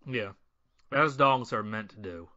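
A man's voice: lowish voice, a little slow, pushed and bright, dull audio. A man chatting casually as a podcast co-host, retelling the story and acting out bits of dialogue. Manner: conversational, retells the plot and acts out quotes. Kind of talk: casual chat.

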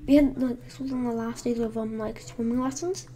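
A woman's voice: on the high side, fairly even intonation, brisk, mellow, a little hiss or hum. A woman telling a casual storytime at home, rambling and swearing, sometimes dropping to a whisper. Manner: rambling and profane, with many fillers. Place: home room with someone asleep nearby.

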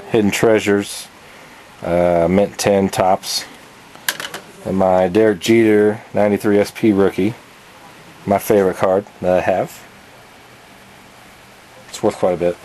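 A man's voice: on the low side, mellow, slight background noise, low-quality recording. Offhand young man in a basement. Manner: offhand, rattling off items with fillers. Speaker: collector showing his collection. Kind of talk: casual show-and-tell. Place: cluttered basement collection room.

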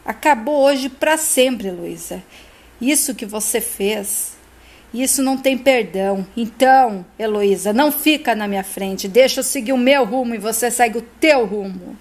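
A woman's voice: fairly high pitch, normal speed, natural voice. Woman reading an indignant husband, stern, disbelieving, soap opera retelling. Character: indignant husband, adult man, horrified.

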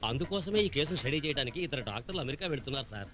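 A hospital doctor who reports facts plainly and very fast. His voice moves up and down a lot, and light film music plays behind him. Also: mid-range voice, lively intonation, sharp tone. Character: earnest male hospital doctor. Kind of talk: film acting. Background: film score music.

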